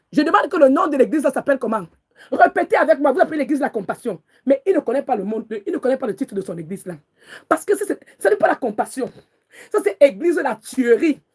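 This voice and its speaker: A woman's voice: sits high, darkish tone, breathy edge. A woman prophetess, angrily preaching and calling out to God. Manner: angry, emotional, repetitive, calls out to God. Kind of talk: impassioned preaching rant.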